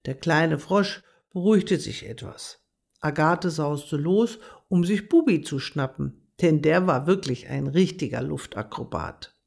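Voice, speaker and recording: A narrator reading a children's storybook aloud in a gentle, measured way. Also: medium pitch, vocal fry.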